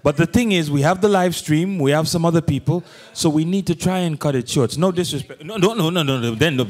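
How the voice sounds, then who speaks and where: A man's voice: on the high side, brisk. A man from Uganda hosting a public panel, joking and bantering with the audience. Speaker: host. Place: large hall with an audience.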